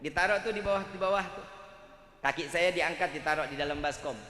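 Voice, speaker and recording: A man's voice: fairly high pitch, fairly quick, pushed and bright. A man with a Betawi accent preaching a humorous sermon to a gathering, teasing and joking with the audience. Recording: echoey hall with faint background noise.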